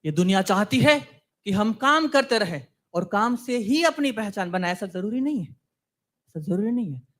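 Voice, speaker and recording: A man's voice: sits high, lively intonation, moderate pace, a bit bright. A man playing a talkative young content writer on a date in a scripted comedy sketch, preachy and fawning.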